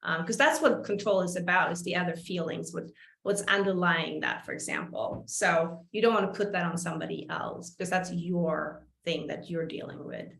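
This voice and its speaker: A woman's voice: lowish voice, moderate pace, vocal fry, a bit bright, roomy sound. A woman hosting an interview, chatting casually and reflecting aloud while searching for her words. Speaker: host.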